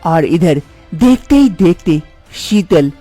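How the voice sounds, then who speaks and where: A woman telling a storybook tale as scripted narration, in a steady, plain narrating tone. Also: on the low side, slow, soft background music.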